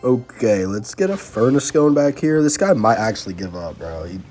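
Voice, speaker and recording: Excitable young man commentating gameplay. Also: on the low side, normal speed. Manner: excitable, casual, slangy, talks to viewers. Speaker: gaming channel host. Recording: faint music underneath.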